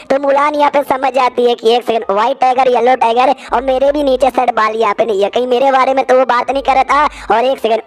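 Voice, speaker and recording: A woman narrating a comic story recap in a chatty, slangy way with jokey asides. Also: on the high side.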